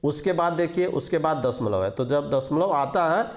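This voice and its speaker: A male math teacher explains a basic arithmetic lesson step by step, patiently repeating each rule, walking through every digit and posing questions before giving answers. His voice is slightly high with lively intonation at normal speed.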